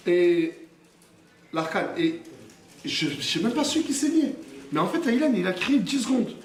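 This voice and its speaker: A man's voice: high-pitched, sing-song, moderate pace, distant mic, a little hiss or hum. A man telling a personal story on a live stream in casual slang, emphatic and acting out moments. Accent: French slang with Arabic loanwords. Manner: emphatic, acts out shouts and crying in the retelling. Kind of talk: casual storytelling among friends. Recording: roomy live stream audio from off-mic.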